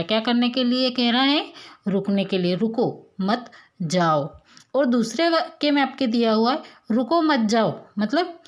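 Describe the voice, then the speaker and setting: A woman teacher explaining a grammar lesson to young pupils, patiently posing questions and answering them herself, and reading examples slowly. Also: on the high side. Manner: slow, clear dictation of examples.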